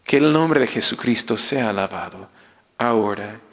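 A man's voice: lowish voice, animated, fairly bright tone. A male priest preaching a sermon. He halts and restarts often, then builds to fervent preaching. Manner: halting with many restarts, rising to fervent preaching. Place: church. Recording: long church reverb.

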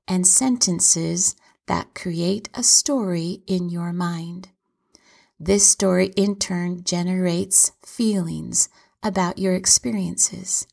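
A woman giving a calm, reflective motivational talk, often dropping into soft whispers. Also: fairly low pitch, gravelly. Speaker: self-help speaker.

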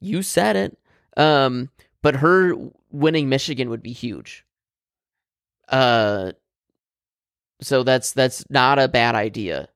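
A man with a gravelly, creaky voice talks politics in a casual, opinionated way, swearing freely. He rambles through fillers and restarts. The sound is close and dry, with no room around it. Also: mid-range voice, takes it slowly, long pauses, a bit bright, no echo.

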